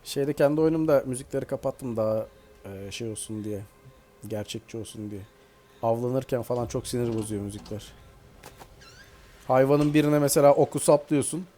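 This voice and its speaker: A man's voice: mid-range voice, moderate pace, dark tone, faint music behind. A man hosting a gaming video, chatting casually and playfully as he plays and talks back to the game. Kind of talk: casual let's-play commentary.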